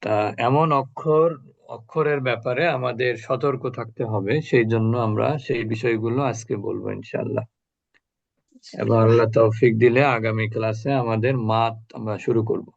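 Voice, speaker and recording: A man's voice: mid-range voice, steady tone, moderate pace, vocal fry, no room sound. A man teaching a Quran recitation class over a video call, patiently drilling letter sounds and repeating syllables. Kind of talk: online tajweed lesson. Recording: muffled lo-fi video call audio.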